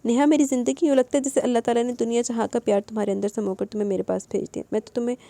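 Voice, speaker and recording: A woman's voice: on the high side, steady tone, creaky, dark tone, no room sound. A woman reading the lines of an ill young husband, tender and pleading. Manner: pleading, affectionate.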